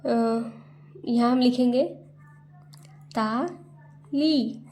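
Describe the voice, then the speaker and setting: A woman's voice: fairly high pitch, fairly even intonation, unhurried, dark tone. A woman teaching a Hindi lesson, sounding out syllables and repeating each word twice. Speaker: home tutor teaching Hindi to parents. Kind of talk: slow spelled-out lesson.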